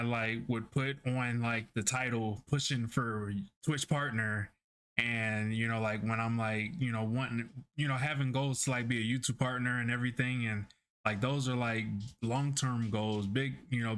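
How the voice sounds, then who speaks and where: A man hosts a podcast in a laid-back, conversational manner at a middle pitch. His talk wanders, and he leans heavily on filler words as he works through his thoughts. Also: smooth. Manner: relaxed, rambling, full of fillers. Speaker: podcast host. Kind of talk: casual conversation.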